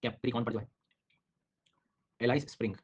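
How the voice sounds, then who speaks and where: A man's voice: mid-range voice, fairly quick, breathy edge. A middle-aged male teacher giving an online exam-prep lecture, teasing his students with jokes while drilling names over and over. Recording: dull lo-fi online class audio.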